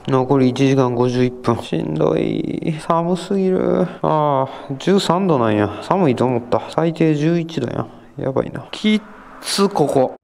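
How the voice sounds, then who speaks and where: A chatty man with a Kansai accent talks through his motorcycle ride, mocking himself and grumbling about the cold. His voice sits a little high, and clear wind and road noise roll under every word from the helmet mic. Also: lively intonation, unhurried, a little mellow. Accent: Kansai Japanese. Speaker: motovlogger. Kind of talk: casual motorcycle vlog commentary. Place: riding a motorcycle outdoors on a road at night. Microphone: external helmet microphone.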